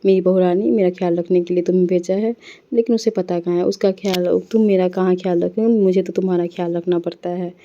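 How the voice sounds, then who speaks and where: A woman's voice: lowish voice, fairly even intonation, fast, warm tone, muffled recording, lightly acted. A woman voicing an older mother who teases and scolds her grown daughter. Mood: chiding. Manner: chiding, teasing.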